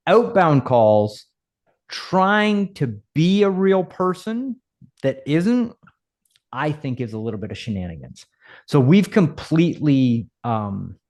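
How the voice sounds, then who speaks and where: A man of middle pitch talks through a software demo in a relaxed, off-the-cuff way. He drifts into asides and stories while explaining, like a host speaking straight to his audience. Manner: conversational, chatty with frequent asides. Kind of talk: casual software walkthrough.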